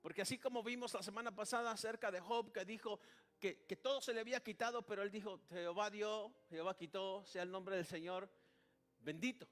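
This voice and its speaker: A man's voice: sits high, a little fast, a bit bright. A man preaching a sermon in Spanish, who keeps calling out to the congregation and praising Jesus, with many restarts. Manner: repeats "hermano" and "alabado sea el nombre de Jesús", with many restarts.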